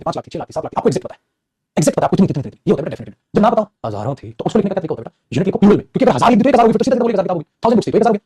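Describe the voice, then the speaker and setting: Fast-talking husky male teacher. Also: high-pitched, dark tone, no echo. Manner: scolding, motivational, calls students beta. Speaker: English grammar teacher. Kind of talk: live online class lecture.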